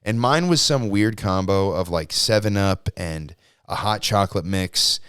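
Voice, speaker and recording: A man's voice: deep voice, a little slow, a bit bright, clear, resonant tone, no echo, studio quality. A young man co-hosting a podcast, chatting casually, laughing often and saying dude a lot. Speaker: podcast co-host. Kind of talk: casual chat.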